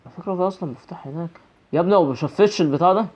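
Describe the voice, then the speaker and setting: A man's voice: sits high, racing, a little mellow. A young man with an Egyptian Arabic accent giving horror game commentary, jumpy and nervously rambling. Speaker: gaming channel host.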